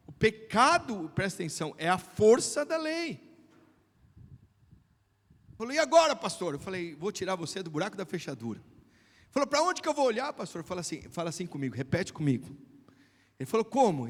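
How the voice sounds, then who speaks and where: A man with a Brazilian Portuguese accent, preaching a sermon as pastor and swinging from hushed tones to shouts. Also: sits high. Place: church hall. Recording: long church hall reverb.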